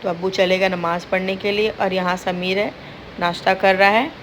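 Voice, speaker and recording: A young woman chats directly to viewers in a casual home vlog recorded indoors. Her mid-range voice is fairly bright and fairly even, at a moderate pace, with slight background noise.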